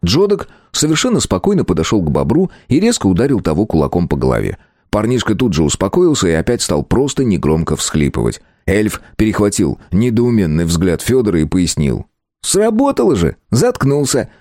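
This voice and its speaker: Expressive male audiobook narrator. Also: low-pitched, a little fast, dry recording, clean studio sound. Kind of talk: scripted narration.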